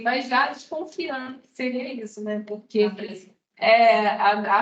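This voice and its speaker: A woman teaching a nutrition class, chatting with her students and often checking in with them as she goes. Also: fairly high pitch. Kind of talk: classroom lecture with anecdotes. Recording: echoey room, distant mic, dull sound.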